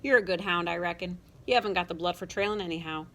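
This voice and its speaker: A woman's voice: lowish voice, fast, bright, forceful tone. A woman voicing an earnest, kind young farm boy in a storybook, with folksy country talk. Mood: tender.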